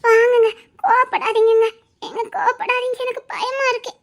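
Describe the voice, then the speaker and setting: A woman's voice: very high voice, lively intonation, quick pace. A woman playing a timid pleading young wife. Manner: pleading, tearful, soft. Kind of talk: family drama skit.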